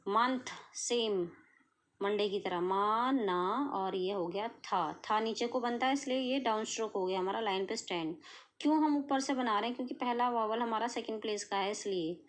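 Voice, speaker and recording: A woman's voice: a little high, normal speed. An Indian woman teaching shorthand step by step, patiently checking that her students follow. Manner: patient, checks in often with "clear?" and "okay". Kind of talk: explaining a lesson step by step.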